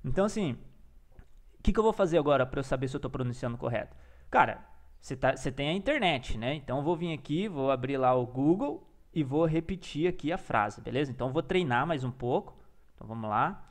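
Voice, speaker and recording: A man's voice: mid-range voice, lively intonation, fairly quick. A young man teaching in a casual, enthusiastic vlog-style lesson, peppering his talk with slang and tag questions. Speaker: language learner and teacher.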